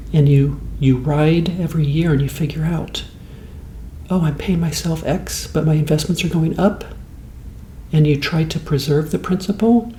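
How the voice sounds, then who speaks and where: A man in his late fifties talks softly and slowly in a rambling, conversational ASMR manner. His voice is warm and mellow, set in a roomy space with a faint hum behind it. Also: on the high side. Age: 50s. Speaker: host. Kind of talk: soft-spoken ASMR talk.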